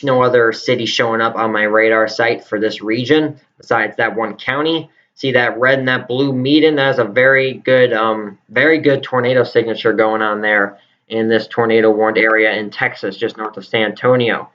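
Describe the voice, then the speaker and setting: A man's voice: medium pitch, fairly even intonation, moderate pace, a bit bright. Man giving live weather commentary, muffled audio. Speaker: live severe weather forecaster.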